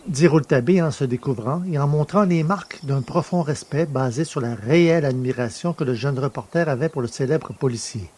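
A man narrating a story in the first person, in a measured storytelling manner. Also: medium pitch, a little mellow.

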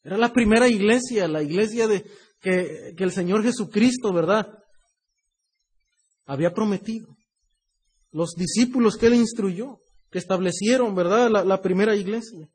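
A man's voice: high-pitched, moderate pace, long pauses, a little mellow, slightly rough. A man preaching a sermon in a conversational way, often adding "right?" and addressing the listener as brother. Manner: conversational preaching, often tagging "¿verdad?" and "hermano".

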